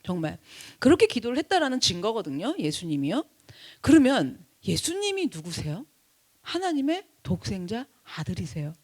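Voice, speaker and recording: A woman pastor delivers an impassioned sermon in a high, bright voice. Her pitch leaps and falls widely as she swings from loud cries to hushed, low lines. She keeps questioning her listeners and answering herself. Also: sing-song, normal speed. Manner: asks the congregation questions and answers them herself.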